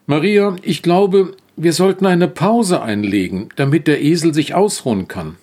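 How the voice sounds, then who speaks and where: A man's voice: fairly high pitch, expressive, measured pace, darkish tone. A man voicing a caring male traveler worried about his companion and the donkey, in a storybook. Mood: concerned.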